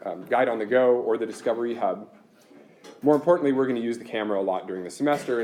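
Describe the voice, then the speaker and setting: A man's voice: mid-range voice, a little mellow, slight background noise. A man teaching a university class, explaining course logistics step by step in a practical, chatty way. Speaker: university instructor. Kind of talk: classroom lecture.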